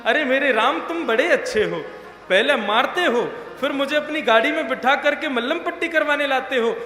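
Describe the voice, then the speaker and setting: A man voicing a gentle, devout old holy man who sees God in everyone, crying out in pleas and fond praise. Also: very high-pitched, normal speed, pitched above the performer's own voice. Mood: adoring. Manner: pleading cries, then fond and adoring. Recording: echoey hall with music behind.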